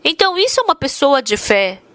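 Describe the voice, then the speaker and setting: A woman's voice: high-pitched, big pitch swings, brisk, a bit bright, no room sound. A woman interpreting a sermon, telling its story earnestly and with emphasis.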